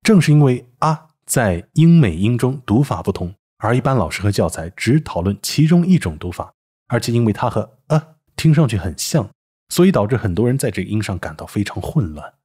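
A man's voice: lowish voice, sing-song, fairly quick, a little mellow, husky. A man narrating a scripted pronunciation lesson, carefully demonstrating sounds and explaining them step by step. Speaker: English pronunciation teacher.

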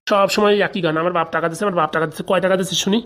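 A man's voice: sits high, fairly even intonation, fairly bright tone. A man playing a grumbling hen-pecked husband. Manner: grumbling, fast and complaining. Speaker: actor in a comedy sketch.

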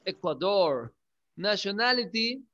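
A male English teacher giving a class, repeating words slowly and checking in with questions. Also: high-pitched, big pitch swings, sharp tone, dull audio. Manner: coaxing, checks in with frequent questions. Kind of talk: classroom lesson.

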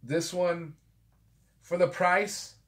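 Filmed on a desk camera in a small room decorated with framed pictures and a guitar, a vinyl-collecting vlogger in his forties rambles loosely and curses freely after a couple of drinks. His voice is high-pitched, a bit bright, fairly even in intonation and extremely slow.

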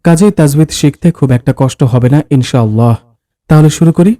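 A man's voice: fairly high pitch, a little fast, dark tone, no echo. A man reading a story aloud, voicing a husband who patiently explains things like a teacher, recorded close in a dry booth. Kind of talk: scripted story narration of dialogue.

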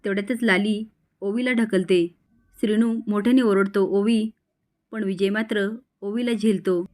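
A woman's voice: mid-range voice, steady tone, moderate pace, darkish tone. Woman narrating a serial recap. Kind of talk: retelling a TV serial episode.

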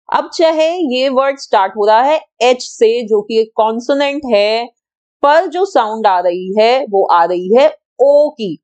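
Patient woman teaching children grammar slowly. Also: a little high. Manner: patient, repeats and stresses sounds, asks questions then answers them.

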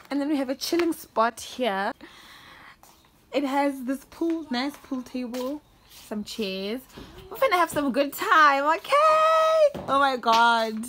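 A young woman talks her way slowly through a holiday lodge on her phone camera, gushing over each room. Her voice sits a little high, and her words come unhurried and drawn out. A faint hiss runs under the sound. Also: pushed and bright. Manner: chatty, easily delighted, gushing. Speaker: vlogger. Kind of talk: casual house-tour narration. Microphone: handheld phone camera.

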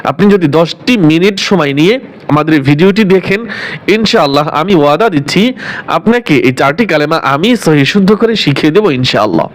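A man whose first language is Bengali teaches recitation, slowly chanting and drawing out phrases between explanations. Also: on the high side, expressive. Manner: slow, drawn-out chanting of Arabic phrases between quick explanations. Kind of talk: religious pronunciation lesson.

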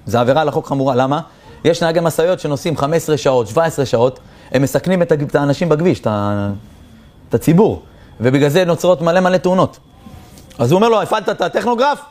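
Male rabbi, Israeli accent, lively sermon storyteller, voice a bit high. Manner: animated, acts out the dialogue with rising pitch.

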